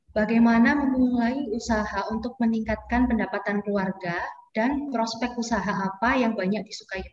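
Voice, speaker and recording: A woman moderator in an online class, reading audience questions aloud in a plain, polite way. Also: medium pitch. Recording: echoey, muffled call audio.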